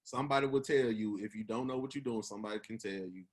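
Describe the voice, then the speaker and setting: This podcast host, a Memphis man in his twenties, talks fast in a lowish voice. He has a Southern accent and keeps the chat casual, earnest, encouraging, and slangy.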